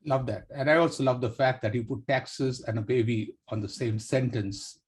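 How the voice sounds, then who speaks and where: A man's voice: medium pitch, fairly even intonation, normal speed, breathy edge. A man hosting a podcast interview, asking questions in an encouraging way. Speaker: podcast host.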